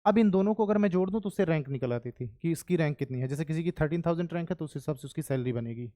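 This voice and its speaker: A man's voice: on the high side, racing, warm tone. A man teaching history to a class of exam students, chatty and often checking that they follow.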